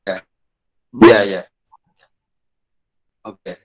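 A man talks slowly through an online meeting, his words arriving in halting, broken-off pieces. The call audio is choppy and breaks up. It sounds thin and tinny, like a poor phone line. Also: on the low side, flat delivery. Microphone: video call.

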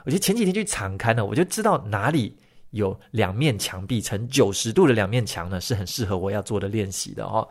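A man tells a story on his solo podcast. His voice sits a little low and has a gravelly, creaky edge. He talks in a relaxed, chatty way and stretches out the particles at the ends of his sentences. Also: brisk. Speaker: podcast host.

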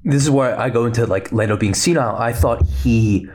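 A man's voice: mid-range voice, a little mellow. Rambling young man hosting a podcast. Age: young adult. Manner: rambling and fast-talking, with frequent laughs. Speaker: podcast host. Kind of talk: casual solo podcast chat.

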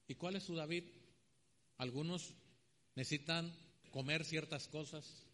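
A man's voice: on the high side, measured pace, big-room sound. A man preaching a sermon in a church, telling stories and acting out the voices of the people in them. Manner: animated storytelling preacher, acting out characters' voices.

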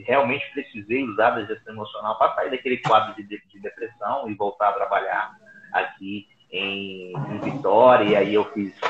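A man telling his story as an interview guest, heard over an internet call line, halting and often repeating words. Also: on the low side, steady tone, background noise. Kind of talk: casual personal story. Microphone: remote call device. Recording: tinny echoey call audio.

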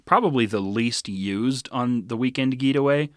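A man co-hosting a casual gaming podcast, talking in a relaxed, rambling way and laughing often. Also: medium pitch, normal speed, dry recording, clean studio sound. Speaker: podcast co-host.

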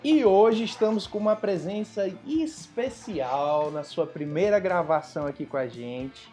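A man's voice: high voice, animated, unhurried, dark tone. A Brazilian man hosts a podcast in an upbeat, welcoming way. He sounds casual and friendly as he interviews his guests. Faint music plays in the background. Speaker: podcast host.

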